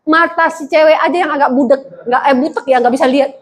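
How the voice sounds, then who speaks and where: A woman's voice: sits high, fast talker. A middle-aged woman pastor preaching a sermon, joking and acting out little quoted prayers and stories. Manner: humorous, animated storytelling with acted-out quotes.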